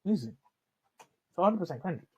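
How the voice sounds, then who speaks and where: A man reacts to a clip in a casual ramble, often restarting his sentences. His voice sits a bit high and swings up and down with lots of life. The recording is dull and lo-fi. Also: big pitch swings, normal speed, crowd noise. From Canada. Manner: rambling, repeats and restarts while he talks. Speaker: reaction channel host.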